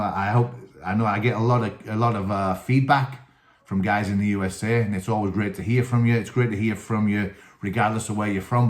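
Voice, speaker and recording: A man with a Teesside accent from north-east England, a coach talking informally and enthusiastically to his channel's viewers, often repeating his phrases. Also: on the low side. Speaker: wrestling coach and channel host. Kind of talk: informal talk to camera for a video channel. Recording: echoey, reverberant room.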